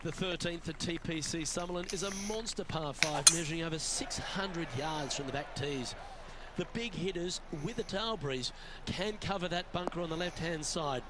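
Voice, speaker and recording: Male golf commentator for a sports game, acted: slightly high voice, composed, measured broadcast play-by-play, heavy background noise. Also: close to an everyday voice. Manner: measured broadcast delivery, describing holes and shots. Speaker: golf commentator, lead announcer.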